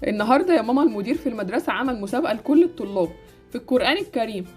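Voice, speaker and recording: Woman as keen, well-mannered Egyptian boy in a game cartoon, rapid, faint music behind. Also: high-pitched, darkish tone. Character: happy, polite schoolboy, clever and caring. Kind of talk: amateur game-animation story acting.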